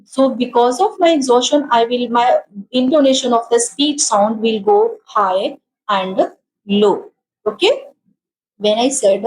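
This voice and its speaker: A woman with an Indian accent leads an exam-prep lesson, her voice sitting slightly high and her overall pace slow. She reads terms deliberately and then speeds up to explain, mixing Hindi and English, and she sounds tired after hours of talking. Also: darkish tone, a little hiss or hum, poor audio. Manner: mixes Hindi and English, slow when reading definitions, rapid when explaining. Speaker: teacher.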